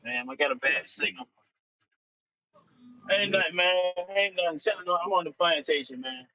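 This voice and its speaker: High bright man on a lo-fi video call. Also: no room sound. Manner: halting, with many fillers and restarts. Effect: on a video call with a bad signal. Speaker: caller on a live discussion. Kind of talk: casual chat. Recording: dull lo-fi call audio.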